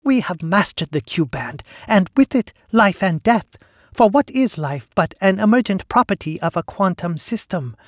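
A man's voice: high voice, animated, normal speed, no echo, clean studio sound, voice pushed up. A man voicing a female hive-monster fused into a mass of flesh, speaking in an oily, taunting, zealous way. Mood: grandiose.

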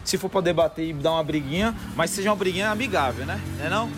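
A man's voice: a little high, very fast. A man with a Brazilian accent hosting a podcast, chatting casually and peppering his talk with slang tags. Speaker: podcast host. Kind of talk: casual slangy chat and sign-off. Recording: music playing behind the voice.

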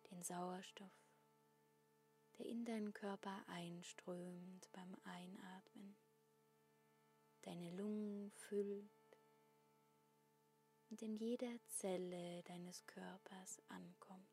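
Very slow, soft half-whispering woman guiding meditation. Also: mid-range voice, steady tone, a little hiss or hum. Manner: soft, breathy, half-whispered, soothing spa-like delivery. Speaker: breathing meditation guide. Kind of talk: guided meditation, slow instructions with long pauses.

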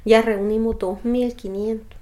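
Woman, Guatemalan accent, personal testimony, animated storytelling, slightly high voice. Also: measured pace, reverberant. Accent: Guatemalan Spanish. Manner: animated retelling, acting out the people she quotes. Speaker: interviewee.

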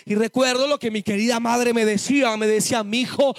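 Very high-voiced preacher, impassioned. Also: male voice, steady tone, brisk, dry recording, studio quality. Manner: addresses listeners as brothers, rises to shouted exhortation. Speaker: preacher giving testimony. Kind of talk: impassioned testimony sermon. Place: church service before a congregation.

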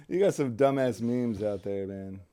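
A man's voice: medium pitch, mellow, no room sound. Profane joking man, dry close sound. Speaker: podcast co-host. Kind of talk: casual chat.

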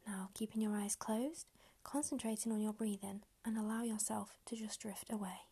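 Breathy whispering woman. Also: mid-range voice, fairly even intonation. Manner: slow, soft, unhurried instructions. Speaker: meditation guide. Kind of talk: whispered guided meditation.

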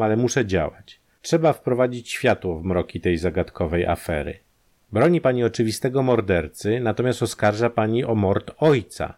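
A man's voice: on the low side, darkish tone, natural voice. A man reading as a level-headed detective. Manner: businesslike, measured questioning. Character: calm, matter-of-fact male detective.

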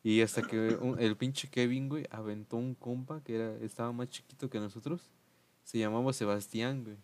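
A man's voice: mid-range voice, steady tone, moderate pace, darkish tone. Young Mexican man, podcast host, casual storyteller who does voices for quotes. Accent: Mexican Spanish. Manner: slangy, laughing, acts out quotes in raised voices.

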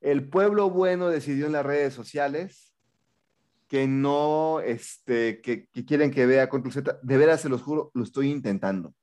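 A man's voice: medium pitch, measured pace, darkish tone. A man with a Mexican accent co-hosting a movie review show, talking in slangy, incredulous rants in a casual, humorous chat.

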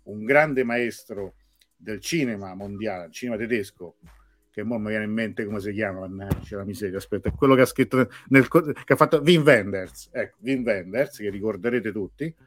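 A man's voice: on the low side, moderate pace, faint music behind. A man with a Roman Italian accent hosts a live show with casual, jokey, rambling banter, putting on showy game-show-host flourishes and mocking himself.

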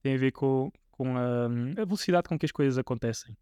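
In a brisk, mellow, mid-range voice with a clean tone, a podcast host in his twenties interviews someone casually. He has a European Portuguese accent and sounds hesitant, with frequent restarts and fillers. No room sound is audible.

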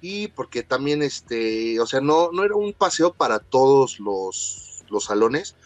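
A man's voice: mid-range voice, slow pace, no echo, soft background music. A man with a Mexican accent telling childhood stories in casual, slangy chat, acting out what people said. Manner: animated, slangy, acts out quotes.

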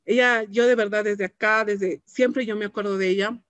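A woman's voice: medium pitch, steady tone, moderate pace, no room sound. A woman giving a heartfelt personal testimony, often ending phrases with a questioning tag. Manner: earnest and heartfelt, tags phrases with "¿no?". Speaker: business entrepreneur giving a testimony.

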